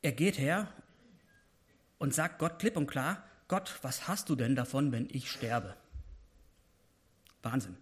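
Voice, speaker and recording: A man's voice: mid-range voice, lively intonation, slow, long pauses. A man giving a personal devotional sermon, speaking with passion and rising to emphatic peaks when he voices prayers. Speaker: preacher.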